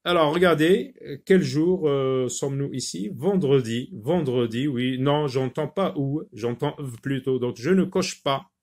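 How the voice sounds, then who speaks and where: A man teaching French phonics, repeating each word slowly with many hesitations. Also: medium pitch, darkish tone. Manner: slow, repeats words, many filler hesitations. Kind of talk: slow phonics lesson.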